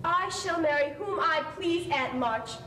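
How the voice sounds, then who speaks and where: Woman acting earnest young woman, very high voice. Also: unhurried, sharp tone, heavily acted. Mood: defiant. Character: earnest, flustered, proud young woman in love. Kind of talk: amateur stage play acting. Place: theatre stage, indoors. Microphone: far camera. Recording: noisy, rumbling, echoey distant stage recording.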